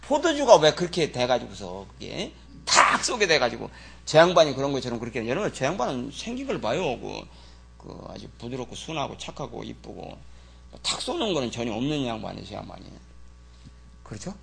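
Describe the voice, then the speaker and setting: A male pastor delivering a sermon in church, telling stories with lively swings between low muttering and loud scolding. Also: brisk, gravelly, a little hiss or hum.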